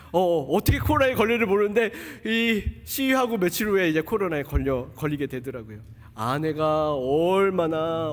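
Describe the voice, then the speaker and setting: A high-pitched young man preaches a personal testimony in a church. He tells it as a story and acts out the people he quotes. His voice rings through a sanctuary with a long hall reverb. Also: a little hiss or hum. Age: young adult. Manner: storytelling, acting out quoted dialogue. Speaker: missionary preacher. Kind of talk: sermon testimony.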